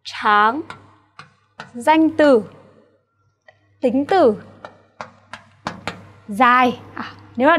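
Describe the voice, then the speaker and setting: A high-pitched, slightly bright female voice comes from a young Chinese teacher with a Vietnamese accent. She goes over vocabulary patiently and asks her students rhetorical checks along the way.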